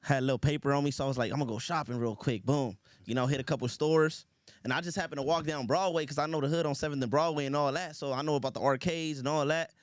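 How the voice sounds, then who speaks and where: A man's voice: fairly high pitch, steady tone, fast, no echo, studio quality. A man from Los Angeles, a rapper guest, telling his story in laid-back street slang in a casual interview. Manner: laid-back street slang, frequent laughs and "you feel me".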